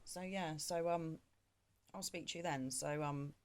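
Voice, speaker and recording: A woman in her thirties recording a frank personal video diary, tired and drained, talking in a halting way with many pauses. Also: low voice, fairly even intonation, background noise. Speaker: vlogger.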